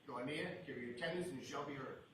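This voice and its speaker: A man's voice: medium pitch, fast, a bit bright. Echoey man calling out like a town crier. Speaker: court officer. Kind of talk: town crier court proclamation. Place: large indoor courtroom. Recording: very echoey courtroom, far from mic, noisy.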